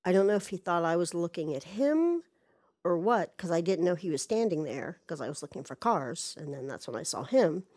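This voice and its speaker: A woman's voice: lowish voice, very animated, moderate pace, a little mellow. A woman casually telling a personal story, rambling and exasperated, swearing freely.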